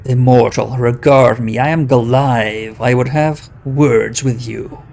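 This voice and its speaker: A man voicing an ancient, solemn talking stone face from a fantasy game, creaky, with a slow, grave, drawn-out delivery. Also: mid-range voice, steady tone, darkish tone, faint music behind. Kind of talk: dramatic reading of fantasy game dialogue. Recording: noticeable background noise.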